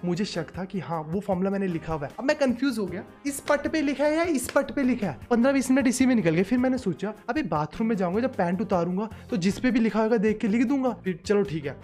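A young man telling a school story in a casual vlog, animated and acting out the quoted lines. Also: high-pitched. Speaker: vlogger.

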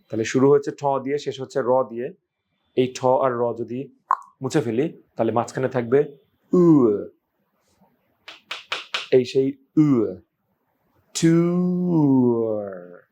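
A man teaching English pronunciation, stretching out each sound slowly and repeating it. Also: mid-range voice, a little mellow. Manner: slow, drawn-out sounds demonstrated and repeated. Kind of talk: phonetics lesson.

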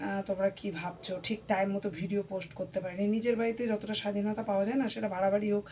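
A hoarse woman chatting casually to her viewers at home while cutting vegetables. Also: medium pitch, level tone, racing, warm tone, slight background noise. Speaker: vlogger. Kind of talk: casual vlog chat to viewers.

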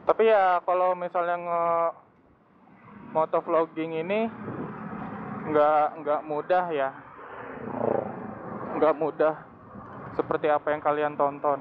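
A man's voice: on the high side, level tone, slow pace, pauses often. A young man chatting casually while riding a motorcycle through city traffic, slangy and laughing often, through a wired mic inside his helmet. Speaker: motovlogger. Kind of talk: casual motovlog chat. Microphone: wired earphone mic from phone into helmet. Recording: tinny phone-like mic with loud traffic noise. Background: traffic and engine noise.

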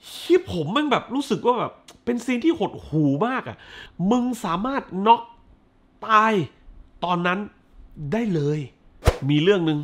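A man's voice: high-pitched, very animated, moderate pace, fairly bright tone. A man hosting a casual film review chat, blunt and full of crude slang and swearing, hammering points with repeated words. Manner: emphatic repetitions.

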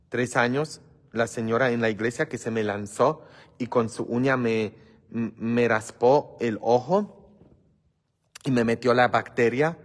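A man, a priest chatting casually with viewers, rambling and humming between remarks. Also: medium pitch. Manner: slow, rambling, many murmured hums. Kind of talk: casual live chat with viewers. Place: church. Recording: long hall reverb.

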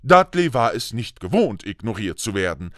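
A man narrating a children's fantasy audiobook in a slow, expressive storytelling manner. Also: lowish voice, no room sound, studio quality.

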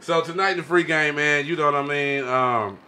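Working a close studio mic on a boom arm inside a small podcast studio, this host has a fairly high, sharp-toned male voice at a moderate pace. His casual show runs on slangy hype-man banter and recurring catchphrases.

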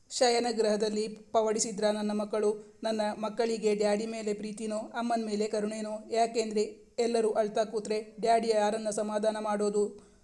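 A playful young husband who teases his wife in a romantic storybook, read out by a woman narrator. The voice stays flat and even, with almost no rise or fall in pitch. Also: close to an everyday voice. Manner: playful, teasing.

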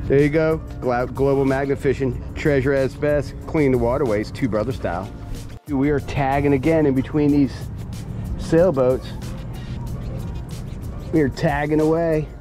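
An excited man narrating his magnet fishing outdoors at a waterfront, hyped and shouting catchphrases. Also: medium pitch, normal speed, long pauses, music in the background. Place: outdoor waterfront docks and park.

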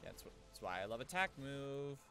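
A man's voice: medium pitch, sing-song, brisk, music in the background. A man, muttering offhand, sweary commentary as he streams a game. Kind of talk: casual gameplay commentary.

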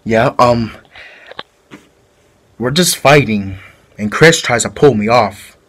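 A man plays a male killer in an amateur home-video drama, telling his story in a slow, drawn-out way. He rambles and halts, restarting his sentences as he goes. His voice sits at an ordinary middle pitch. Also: fairly bright tone. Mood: flat confessing. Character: rambling male killer confessing a brutal fight.

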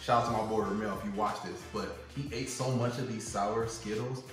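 Male taste-test host, slangy and casual, eating sour candy as he talks; distant mic, music clearly behind. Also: lowish voice, steady tone, brisk. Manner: slangy, laid-back phrasing. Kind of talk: casual banter while taste-testing. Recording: very echoey room, distant mic, music underneath.

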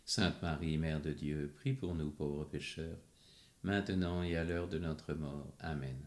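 A man with a very deep voice gives rosary responses in an even, measured way. His prayer echoes around a reverberant room.

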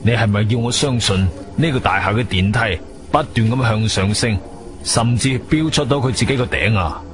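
An actor with a Guangzhou Cantonese accent playing a weary, sceptical police colonel in a radio drama, speaking in a hesitant, official manner. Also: male voice, lowish voice, moderate pace, lightly acted. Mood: troubled. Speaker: supporting actor. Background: music.

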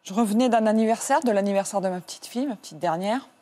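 Middle aged mom on a talk show, telling it step by step. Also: female voice, medium pitch, fast talker, warm tone. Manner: recalling events step by step. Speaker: mother of a friend, guest. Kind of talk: TV interview testimony.

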